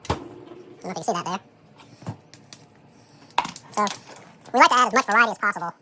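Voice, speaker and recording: A home cook talking through a how-to while preparing food, relaxed and thinking aloud with frequent fillers, played back as a sped-up chipmunk voice. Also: a little hiss or hum. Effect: sped-up chipmunk voice, high and fast. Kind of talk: casual how-to commentary while working.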